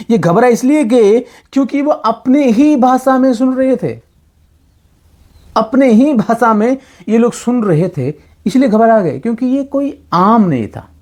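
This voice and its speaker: A man whose first language is Odia argues a point of Bible teaching. His pitch swings widely as he presses his case with rhetorical questions, dropping in English phrases along the way. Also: darkish tone. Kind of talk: argumentative Bible talk.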